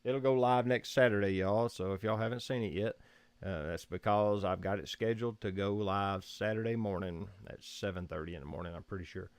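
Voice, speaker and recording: Man, Southern US accent, casual live-stream host, rambling, chuckles a lot, lowish voice. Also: a little fast, dry recording. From Georgia, US. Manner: rambling, easygoing, chuckles often. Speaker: photography livestream host. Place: room at home.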